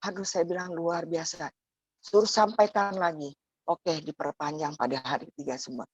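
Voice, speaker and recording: Low-voiced woman preaching a sermon. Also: fairly even intonation, moderate pace, breathy edge, no echo. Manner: conversational preaching, tags phrases with "ya", addresses the congregation directly.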